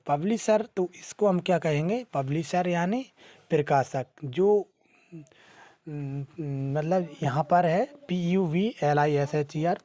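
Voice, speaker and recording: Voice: medium pitch, dark tone. Teacher spelling out words letter by letter. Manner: asks and answers its own questions; frequent "hmm" and "theek hai" fillers. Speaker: English teacher. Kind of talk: vocabulary lesson.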